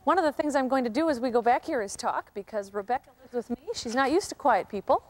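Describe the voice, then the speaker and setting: Calm lady explaining wolf handling step by step, high voice, patient. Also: fast. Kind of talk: educational live broadcast demonstration.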